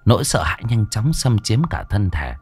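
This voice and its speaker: A man's voice: fairly low pitch, sing-song, normal speed, darkish tone, slightly rough, faint music behind. A man narrating an audio story in a dramatic, earthy, colloquial way.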